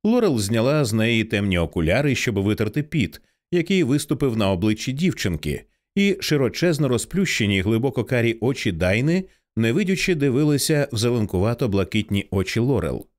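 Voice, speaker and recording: A man narrating an audiobook in an expressive, dramatic reading style. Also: medium pitch, brisk, hardly any pauses. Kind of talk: scripted narration.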